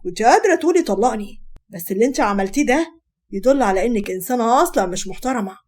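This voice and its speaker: A woman's voice: fairly high pitch, lively intonation, fast talker, darkish tone. A woman with an Egyptian accent voicing a desperate young wife who pleads and argues. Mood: defiant.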